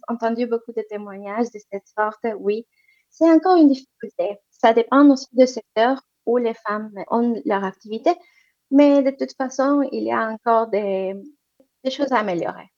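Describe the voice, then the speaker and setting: An economic development representative, interviewed about women's entrepreneurship, answers hesitantly with many fillers and false starts. Her voice is fairly high and a little mellow, and the recording sounds muffled and lo-fi.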